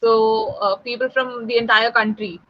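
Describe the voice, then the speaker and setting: A young woman from Delhi, with a Delhi Indian English accent, tutors spoken English in a conversational online lesson and often checks in with "right?". Her slightly high voice has fairly even intonation and a moderate pace, though the high frequencies are cut off.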